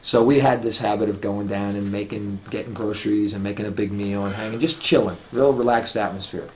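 A man's voice: fairly low pitch, steady tone, a little fast, darkish tone, slight background noise. A man telling a long story in a casual, profane way, rambling with many restarts and asides.

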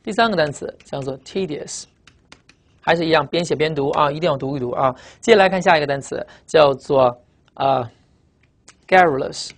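A male teacher giving a vocabulary lecture, explaining word roots and repeating key phrases so students remember them, and reading the English words out slowly. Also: on the high side.

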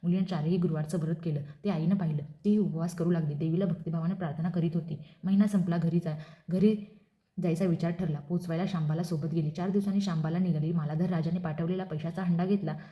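Female storyteller, rapid rhythmic reading of a devotional tale, dark tone. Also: lowish voice, steady tone. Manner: brisk rhythmic recitation.

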